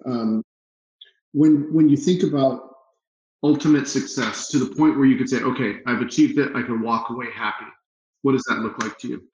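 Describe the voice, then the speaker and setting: Podcast host, man, halting questioner, echoey room, muffled sound. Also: mid-range voice, fairly even intonation, darkish tone. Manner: hesitant, with many repeated starts and fillers. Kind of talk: interview questions.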